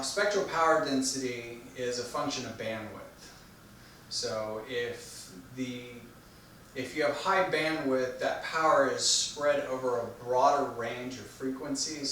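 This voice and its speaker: A man's voice: medium pitch, fairly bright tone. Man giving an explanatory talk in an echoey room. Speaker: presenter giving an informational speech. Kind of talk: explanatory technical speech. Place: echoey room, recorded from a distance. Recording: very echoey room, distant mic, faint noise.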